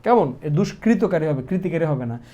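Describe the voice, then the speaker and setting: A young man with a Bangladeshi Bengali accent teaching an exam-prep lesson. He drills spelling words, stresses key words loudly and mixes in English words. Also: a little high, animated, fairly quick, muffled recording. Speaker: tutor.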